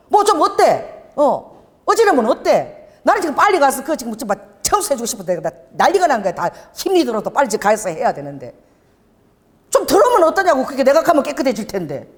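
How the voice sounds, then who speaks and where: A middle-aged woman pastor preaches in an animated storytelling way, her fairly high voice swooping widely as she talks quickly. Her sermon rings with the long reverb of a church sanctuary.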